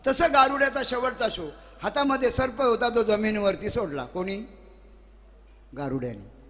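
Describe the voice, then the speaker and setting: A man preaching a devotional sermon to a live audience. He tells stories, asks the listeners questions and chants verses slowly. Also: sits high, fairly bright tone. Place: gathering hall with a live audience. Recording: long reverb of a hall.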